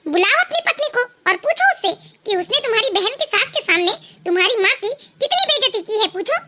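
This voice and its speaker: A woman voicing a harsh older mother-in-law who scolds and threatens in a shrill voice. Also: sing-song, a little fast, background noise. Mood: angry.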